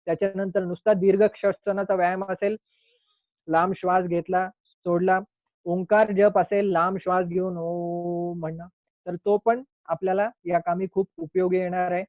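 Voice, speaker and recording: A man's voice: high voice, flat delivery, moderate pace, no echo. A man who is a doctor giving an earnest, explanatory health talk, now and then acting out little quoted scenes. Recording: tinny phone-like line.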